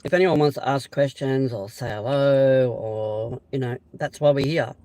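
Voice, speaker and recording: A man's voice: medium pitch, dark tone, low-quality recording. Rambling Australian man, live outdoors. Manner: rambling, hesitant, many pauses and restarts. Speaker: channel host. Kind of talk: casual live-stream chat. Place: outdoors beside a railway siding.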